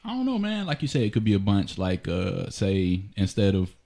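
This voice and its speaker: A man's voice: fairly low pitch, wildly swooping pitch, moderate pace, creaky, mellow. A man co-hosting a podcast, dropping short wisecracks in casual banter. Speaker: podcast co-host.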